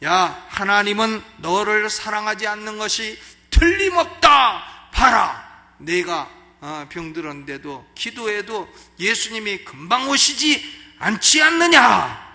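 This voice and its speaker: A man voicing a taunting male devil that whispers lies to believers, drawn out and loud. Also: high-pitched, lively intonation, slow pace, voice pushed up, heavily acted. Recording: long hall reverb.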